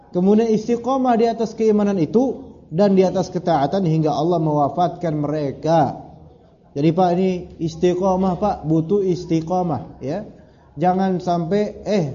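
A man giving a casual religious lecture to a congregation, chatting and joking as he teaches. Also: fairly high pitch. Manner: chatty, addresses audience as "Pak", lively jokes. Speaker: Islamic preacher. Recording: dull lo-fi lecture recording.

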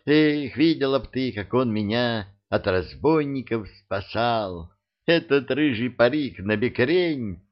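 A man's voice: mid-range voice, expressive, slow. A man voicing a young, spirited tsar's daughter who is dreamy, curious and frank. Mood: lovestruck. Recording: dull lo-fi audio.

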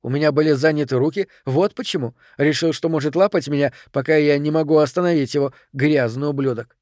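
A man putting on a sharp-tongued young woman. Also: a little high, fairly quick, no room sound, studio quality, natural voice. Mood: angry. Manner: biting, sarcastic.

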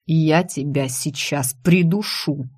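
A woman voicing a gruff, domineering male boss in an audiobook, speaking slowly and menacingly, then snapping into angry scolding. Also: sits low, fairly even intonation, darkish tone, close to an everyday voice. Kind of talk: audiobook character reading.

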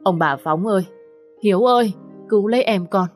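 A woman's voice: mid-range voice, fairly quick, soft background music, close to an everyday voice. A woman voicing a desperate poor old father who begs through tears with a trembling voice. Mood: pleading. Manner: trembling, sobbing, begging.

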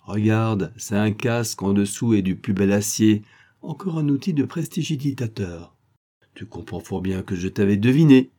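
A man's voice: lowish voice, moderate pace, warm tone, natural voice. A man voicing a cocky young male street sleuth who taunts his captive. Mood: taunting. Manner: taunting, teasing.

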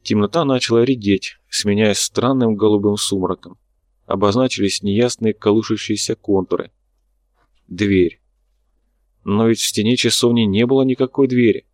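A man narrating an audiobook in a steady, even storytelling voice. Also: fairly low pitch, moderate pace, no room sound, studio quality. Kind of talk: scripted narration.

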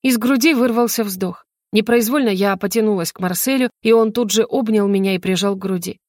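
A woman narrates a fantasy novel in first person, at a mid pitch. Her reading is even and measured. The sound is dry and close, with no room around it. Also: no echo. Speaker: audiobook narrator. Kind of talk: scripted narration.

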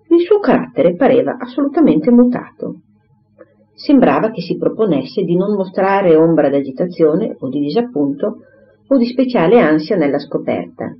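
An audiobook reader narrating a classic novel with expressive, carefully paced delivery. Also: mid-range voice. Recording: slightly dull recording, faint hiss.

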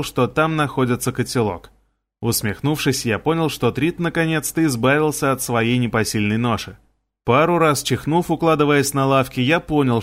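A man narrating a first-person fantasy audiobook in a steady, measured way. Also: mid-range voice.

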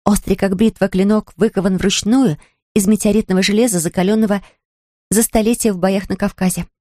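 A woman's voice: mid-range voice, fairly even intonation, fairly quick, dark tone, no echo, studio quality, lightly acted. A woman voicing a haughty, theatrical young woman. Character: playful young woman acting out roles. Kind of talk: audiobook character reading.

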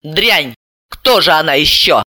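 A spiteful middle-aged woman put on by a woman narrator hurls contempt in a shrill, shouting voice. Her delivery is bright and forceful, full of animated leaps. It is a dry, close storybook reading. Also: a little slow, no room sound, full character voice. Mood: furious. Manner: shrieking, contemptuous.

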